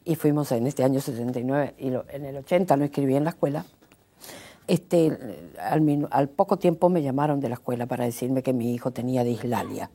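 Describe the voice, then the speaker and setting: Low, husky Correntino woman. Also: fairly quick. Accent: Correntino Argentine Spanish. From Corrientes, Argentina. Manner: animated anecdotes, acts out quoted dialogue. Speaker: singer, interview guest. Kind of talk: conversational interview storytelling.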